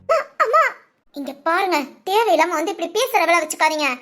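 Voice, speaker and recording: Poor village mother, high-pitched, stands her ground. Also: animated, fairly quick, a bit bright, faint music behind. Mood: defiant. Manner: firm, pleading then scolding. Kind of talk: storybook voice acting.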